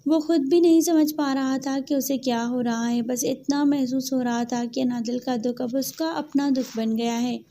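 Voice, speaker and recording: High-voiced woman narrating a novel. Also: steady tone, few pauses, mellow, slight background noise. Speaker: storyteller.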